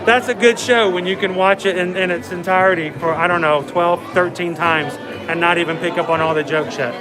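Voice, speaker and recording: Male livestream host, high-pitched, w-for-r speech impediment, casual animated storyteller, music and crowd behind. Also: a little fast, poor audio. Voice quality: speech impediment on R sounds, says w for r. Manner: animated storytelling with acted-out quotes. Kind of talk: casual livestream chat at a theme park. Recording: background music and crowd noise in public space. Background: theme park music and crowd chatter.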